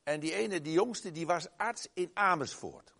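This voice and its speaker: A man preaching a sermon and telling a personal story, emphatic and exclaiming, swinging between loud and soft. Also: fairly high pitch, unhurried, gravelly.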